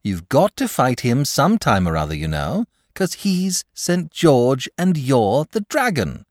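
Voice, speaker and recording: A man voicing an eager, excitable young village boy who pleads breathlessly in a storybook reading. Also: mid-range voice, a little slow, dry recording, clean studio sound, pitched above the performer's own voice. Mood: pleading.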